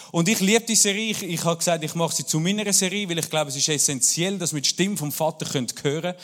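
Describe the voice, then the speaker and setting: A man with a Swiss German accent preaches a sermon, speaking directly and personally to his congregation. His voice sits a little higher than most men's. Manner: warm, personal address to the congregation. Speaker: pastor.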